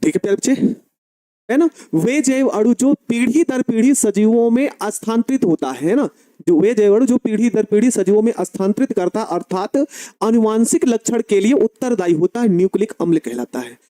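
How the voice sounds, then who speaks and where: Dark-voiced chemistry teacher, dictating. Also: male voice, high-pitched, expressive, no room sound. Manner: affectionate, calls students "dear children"; slow dictation, repeating phrases word by word. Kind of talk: online class lecture.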